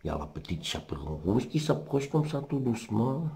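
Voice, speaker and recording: A man's voice: medium pitch, very animated, fairly quick, mellow. A man with a Brussels accent retelling a folk tale in a chatty, digressive way, full of asides and hein. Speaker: storyteller.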